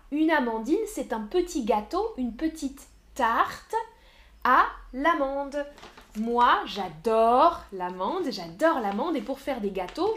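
A woman teaching French on a live stream, speaking slowly and clearly, repeating words and answering viewers in the chat. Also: on the high side, a bit bright. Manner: slow, clear teacherly delivery with repetitions. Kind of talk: live-stream language lesson.

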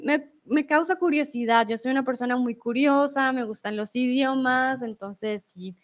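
A woman from Colombia with a Colombian accent, giving a casual live Spanish lesson and chatting with viewers. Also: a little high. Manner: chatty, explains with examples and asks "¿vale?". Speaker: Spanish teacher on a livestream.

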